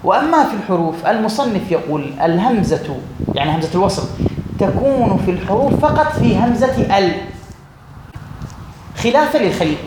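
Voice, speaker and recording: A man teaching a grammar lesson to a class, repeating words slowly and often checking that his students follow. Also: high-pitched. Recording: echoey room, faint noise.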